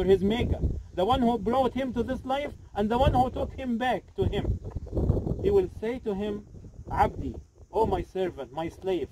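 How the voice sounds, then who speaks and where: A man's voice: sits high, noisy background. A middle-aged man, an imam, giving an earnest outdoor sermon at a graveside, repeating phrases and asking rhetorical questions. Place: outdoors at a cemetery, crowd standing around. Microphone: camera a few metres away.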